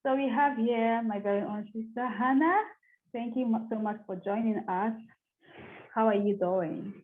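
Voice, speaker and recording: A woman's voice: fairly high pitch, normal speed, a little hiss or hum. A woman interviewer who asks simple questions and often repeats them. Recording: tinny phone-like line.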